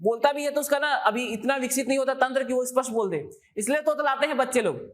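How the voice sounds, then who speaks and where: A woman's voice: sits high, fast talker. A woman teaching an exam coaching class in a classroom, repeating key terms and quizzing her students with questions.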